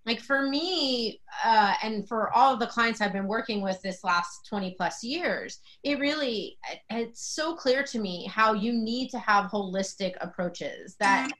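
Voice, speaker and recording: Bright-voiced woman podcast host. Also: on the high side, unhurried. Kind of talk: podcast interview.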